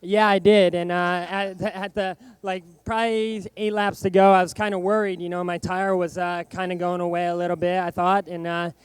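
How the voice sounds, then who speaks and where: A man giving a casual post-race interview as a racer, halting and plain-spoken, leaning on "you know". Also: sits high, little pitch movement, clear, resonant tone, no room sound. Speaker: motorcycle racer, race winner. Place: outdoor racetrack podium over microphone.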